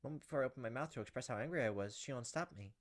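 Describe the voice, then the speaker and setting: Speaking very fast in a mid-range voice, a man plays through a visual novel as a let's player. He tells the story with drama, acts out the dialogue, and game music runs in the background.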